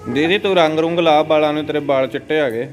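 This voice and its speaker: A man's voice: on the high side, fast. A man with a Punjabi accent hosting a family vlog, chatting casually in a teasing, joking manner. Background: family voices and chatter.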